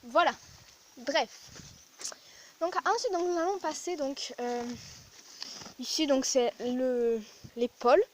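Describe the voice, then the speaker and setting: A woman's voice: high voice, slow pace, pauses often, a little mellow, slight background noise. A young woman with a French accent explaining horse anatomy in a casual vlog, full of fillers and restarts. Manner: chatty, many fillers and restarts. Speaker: horse vlogger. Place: outdoors in a stable yard with horses.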